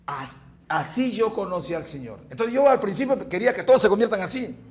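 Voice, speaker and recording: A male pastor preaching a fervent sermon, moving from hushed storytelling to shouted points and often repeating words. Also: high voice, lively intonation, fairly quick, a little hiss or hum. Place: church.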